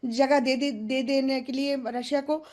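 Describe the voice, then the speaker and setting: A woman speaking as a panel guest in a televised debate, outspoken and halting, with many pauses as she builds her point. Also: high-pitched, fairly even intonation, darkish tone.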